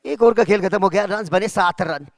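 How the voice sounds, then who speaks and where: A man's voice: sits high, a little fast, no echo, studio quality. A man giving live commentary on a cricket match between plays.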